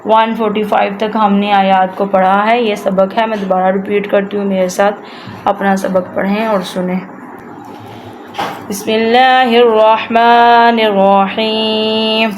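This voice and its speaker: A woman teaching a word-by-word Quran recitation lesson, reciting slowly in drawn-out phrases and explaining pronunciation rules more quickly and softly. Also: medium pitch, level tone. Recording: dull lo-fi recording with faint background noise.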